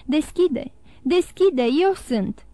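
A woman voicing a desperate middle-aged male magistrate who shouts and pleads urgently. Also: sits high, no room sound, close to an everyday voice. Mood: frantic.

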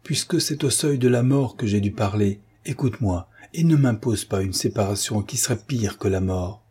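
A man reading the part of a young woman in love, soft and steady, in an audiobook. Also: fairly low pitch, moderate pace, husky. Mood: tender resolve.

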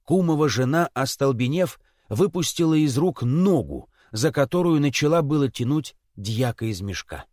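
Expressive male storybook narrator. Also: medium pitch, normal speed, few pauses, no room sound, studio quality. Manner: expressive, theatrical. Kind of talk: audiobook reading of a classic tale.

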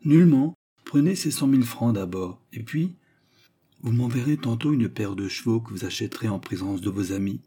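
A man's voice: mid-range voice, lively intonation, moderate pace, dark tone, breathy edge. A man voicing a grave, commanding mysterious woman. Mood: persuasive. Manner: grave and solemn, at times light.

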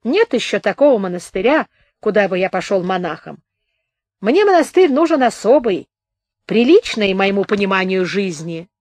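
A woman voicing a thin-bearded wounded soldier with a high boyish voice, telling a folksy tale in a slow, plain manner. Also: very animated, a little mellow, dry recording. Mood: wry. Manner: unhurried folksy village speech.

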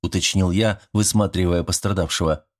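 A man's voice: deep voice, steady tone, moderate pace. A man narrating a first-person audiobook in a dry, wry manner with ironic asides.

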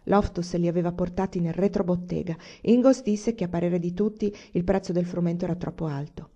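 Woman reading a novel aloud, mellow dark tone, kinda muffled lo-fi audio. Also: lowish voice, fairly quick. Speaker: audiobook reader. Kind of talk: scripted narration. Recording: dull lo-fi recording.

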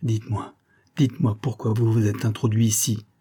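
A man voicing a furious, quick-tempered middle-aged gentleman who shouts and seethes in a storybook reading. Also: fairly low pitch, level tone, husky. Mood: pressing.

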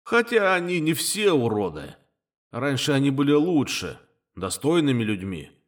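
A man's voice: mid-range voice, sing-song, normal speed, voice pushed up. A man voicing the coarse, grumbling ghost of a drowned fisherman who lives in a candle. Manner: grumbling, colloquial.

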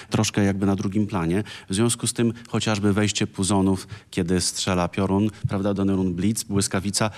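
A man's voice: lowish voice, a little mellow. A man music critic on a radio panel in a studio, talking in an enthusiastic, expansive way with frequent exclamations.

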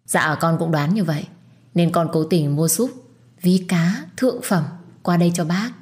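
A woman voicing a sweet-talking, smug young woman who flatters in a honeyed tone. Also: on the low side, normal speed, close to an everyday voice. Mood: sugary.

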